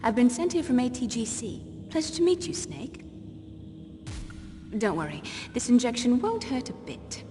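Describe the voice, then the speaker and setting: Female game doctor, poised, teasing, polite, higher pitch, reverberant hall. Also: sing-song, normal speed, dark tone. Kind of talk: scripted video game voice acting.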